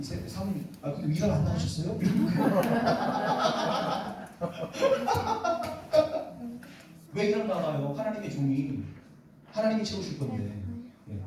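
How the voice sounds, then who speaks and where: A man's voice: high-pitched, noisy background. A man preaching at a revival meeting in a church, repeating phrases and asking the congregation rhetorical questions. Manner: talks directly to the congregation, teasing and joking. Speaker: pastor. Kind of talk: revival sermon. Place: church sanctuary. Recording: very echoey hall, voice far from mic.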